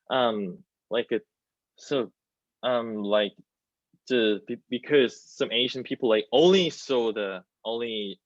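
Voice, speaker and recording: Joining an online panel over video call from a small plain indoor room, this young man in his twenties, a theater student from South Korea, answers hesitantly in non-native, Korean-accented English, halting and repeating phrases. His voice sits on the low side; heard through wireless earbuds, the audio is muffled with no room sound.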